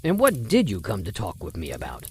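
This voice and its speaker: A man's voice: lowish voice, huge pitch swings, a little fast, a little mellow, slight background noise. A man playing a stern, condescending wealthy father who refuses a suitor, in an old-time radio drama. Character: stern wealthy older father, Mister Spencer. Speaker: voice actor.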